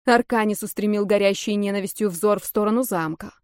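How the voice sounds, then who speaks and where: A woman narrating a first-person fantasy audiobook in an even, measured reading. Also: mid-range voice, clear, resonant tone, dry recording, studio quality.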